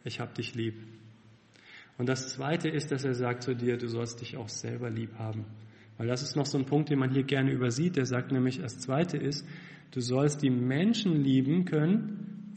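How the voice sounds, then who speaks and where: A man preaching a sermon as a missionary, candid and self-mocking, swinging from loud emphasis to hushed tones. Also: mid-range voice, creaky. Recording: echoey hall.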